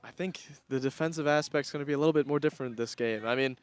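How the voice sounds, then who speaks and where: Smooth-voiced young color commentator. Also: male voice, medium pitch, fast talker. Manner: casual, joking analysis.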